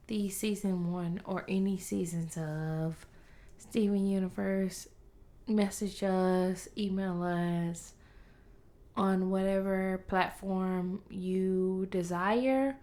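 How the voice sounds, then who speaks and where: A tired woman co-hosting a casual podcast chat, speaking quietly with a fading delivery and casual swearing. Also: mid-range voice, fairly even intonation, drawn-out words. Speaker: podcast co-host.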